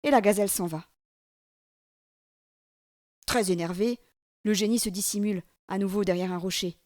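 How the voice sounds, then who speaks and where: A woman storyteller reading a children's book aloud in a clear, steady narration. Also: medium pitch, normal speed, no room sound, studio quality.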